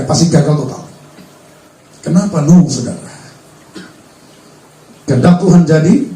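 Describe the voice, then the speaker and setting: A man's voice: high voice, a little mellow. A male pastor preaching a sermon, emphatic and full of rhetorical questions, recorded from a distance in a church hall. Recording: roomy hall sound from far off.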